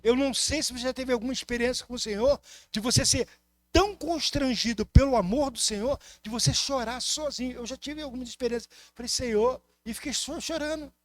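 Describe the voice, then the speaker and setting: High-voiced Brazilian pastor preaching passionately. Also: male voice, brisk, no echo. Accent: Brazilian Portuguese. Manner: impassioned, swings between loud emphasis and soft asides. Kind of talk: sermon.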